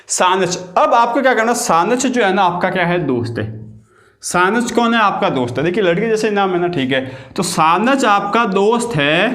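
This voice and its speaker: A man teaches a grammar lesson in a high voice. His chatty talk keeps checking whether the class follows along. The recording sounds echoey, as if made in a bare room. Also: a bit bright. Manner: chatty, keeps asking "got it?". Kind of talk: exam-prep grammar lesson.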